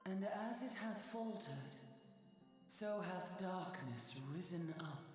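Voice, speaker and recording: Unearthly, echoing crystal goddess Hydaelyn. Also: female voice, lowish voice, lively intonation, darkish tone. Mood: solemn, beseeching. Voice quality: ethereal, disembodied, unearthly. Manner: slow, solemn, archaic delivery. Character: unearthly female crystal deity, solemn and benevolent. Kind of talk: scripted video game dialogue. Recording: echoing voice over game music. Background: game music.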